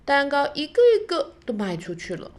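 A woman with a slightly high voice retells a children's story in a gentle, storytelling way. She speaks very slowly and carefully. She sounds like a teacher hosting a show for language learners. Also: sing-song. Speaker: Japanese teacher and show host.

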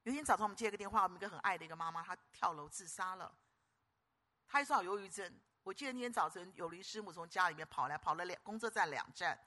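An older woman preaching a sermon, moving between hushed storytelling and loud, rousing calls to the congregation. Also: lowish voice. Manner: animated, swings from hushed storytelling to loud exhortation.

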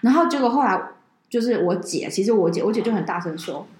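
Woman podcast co-host, quick, animated and indignant, roomy echo. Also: medium pitch. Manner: animated, indignant storyteller who swears. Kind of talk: casual chat, personal storytelling.

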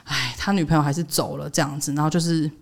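Fast-talking woman telling a story. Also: vocal fry. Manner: animated retelling, voicing others' quotes with jumps in pitch. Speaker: podcast co-host. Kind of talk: casual storytelling chat.

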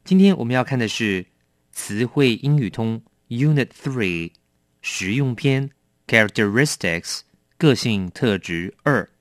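A man's voice: mid-range voice, animated, measured pace, no room sound, studio quality. A middle-aged man hosting a radio English lesson, explaining each word and repeating it to drill the pronunciation. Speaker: English teacher and program host.

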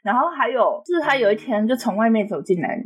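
A young woman co-hosting a podcast, telling workplace stories in an exasperated, animated casual chat. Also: fairly high pitch, fast. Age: young adult. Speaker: podcast co-host.

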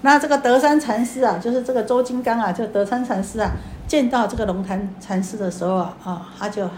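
A woman giving a Buddhist sermon, telling a story in a rambling way with many fillers and drawn-out sentence endings. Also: fairly high pitch, a little mellow, a little hiss or hum. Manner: repetitive, filler-heavy, drawn-out particles. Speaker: Buddhist dharma teacher.

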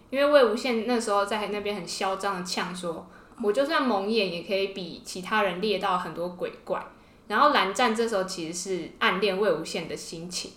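A woman with a Taiwanese Mandarin accent co-hosts a podcast, gushing in casual fangirl chat. Her medium-pitched voice is a bit bright, and the room gives it an indoor echo.

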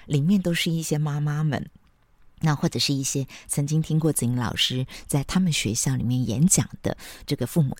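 Low-voiced woman podcaster. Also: no echo. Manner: chatty, with frequent soft laughs and tag particles. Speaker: parenting podcast host. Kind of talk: casual podcast monologue.

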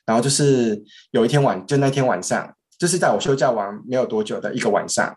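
A man's voice: medium pitch, animated, quick pace, darkish tone. A young man with a Taiwanese Mandarin accent, a podcast guest telling a story casually, rambling with many restarts. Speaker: podcast guest, former French interpreter.

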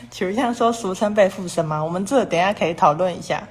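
A woman's voice: medium pitch, fast talker. A woman hosting a casual livestream, talking in long rambling runs strung together with "and then" and chatting with viewers about their comments. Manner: rambling and repetitive, strings clauses with "and then". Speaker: livestream host.

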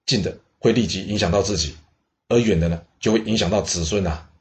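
A man voicing an elderly court minister who speaks slowly, politely and persuasively. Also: on the low side, a little mellow, lightly acted. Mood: coaxing.

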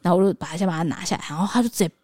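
Woman, thirties, fast talker, warm low tone, dry close sound. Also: no echo. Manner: animated, vivid storytelling. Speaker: podcast co-host; mother of a toddler. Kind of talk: casual chat.

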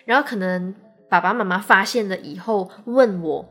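A young woman with a Taiwanese Mandarin accent co-hosting a podcast in casual chat, calm and reflective. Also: medium pitch, normal speed, soft background music. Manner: calm and reflective, finishes the other's sentences. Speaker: podcast co-host.

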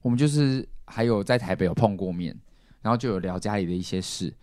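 Fast-talking man telling a family story. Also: lowish voice, no echo, clean studio sound. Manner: animated, acts out quoted relatives. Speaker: podcast host. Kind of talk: casual podcast storytelling.

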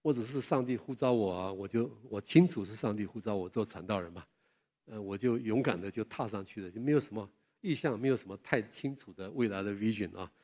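Older pastor telling lively stories. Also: male voice, on the low side, a little fast. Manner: animated storytelling with self-deprecating humor; chatty, asks the listeners questions. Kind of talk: sermon with personal stories.

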